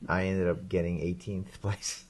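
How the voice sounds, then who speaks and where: Deep-voiced man recounting a game. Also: measured pace. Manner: rambling, animated storytelling with laughs and restarts. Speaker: podcast co-host. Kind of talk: casual chat.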